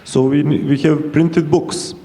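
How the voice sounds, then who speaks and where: A man's voice: on the high side, little pitch movement, slow pace, gravelly, dark tone. A man asking a plain, informal question from a conference audience. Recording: reverberant hall.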